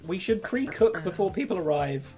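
Slightly high-voiced male gaming host, playful and chatty, casual co-op banter, soft music bed. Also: lively intonation, moderate pace. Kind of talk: casual co-op gameplay chat.

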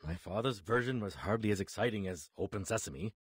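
Weary game leader, low husky voice, wry self-doubt. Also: male voice, lively intonation, a little fast, no echo. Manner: dry, self-deprecating delivery. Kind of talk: game voice acting.

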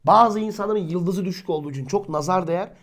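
A man's voice: high-pitched, fast talker. A man giving an informal religious talk, speaking colloquially, asking his listeners rhetorical questions and acting out the people he describes. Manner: lively, colloquial, acts out quoted people. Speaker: religious teacher.

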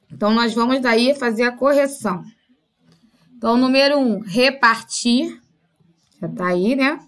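A woman's voice: high voice, fairly bright tone. A woman teaching a primary school class, explaining each point step by step and checking in often with her pupils. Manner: patient, explains step by step with frequent "tá?" and "né?" check-ins.

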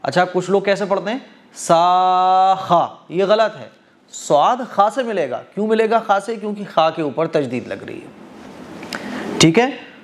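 A man's voice: sits high, lively intonation. Patient man teaching Quran recitation. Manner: explains step by step, often checks understanding; chants verses slowly with drawn-out vowels. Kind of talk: tajweed lesson.

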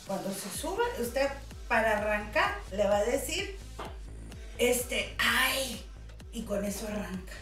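A woman, a guest actress telling jokes in lively chat and laughing through her punchlines. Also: medium pitch, measured pace. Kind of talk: chatty joke-telling. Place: TV studio. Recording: echoey studio, far from mic, music behind.

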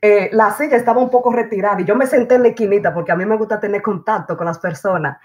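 Lively woman retelling a story. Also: medium pitch, fast. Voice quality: strong voice. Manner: lively, acts out dialogue and drops in English phrases. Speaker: interview guest. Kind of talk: casual storytelling.

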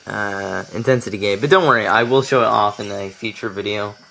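Bright-voiced young man commentating gameplay. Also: lowish voice, a little fast, gravelly, low-quality recording. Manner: chatty, laughs often, stumbles over words. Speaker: let's play commentator. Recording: faint game music behind.

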